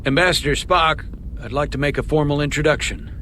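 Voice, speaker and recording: An actor playing an authoritative starship captain in a game, giving a grave, commanding briefing in a firm, direct way. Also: male voice, a little high, fairly quick, pushed and bright, a little hiss or hum. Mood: measured. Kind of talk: scripted game dialogue.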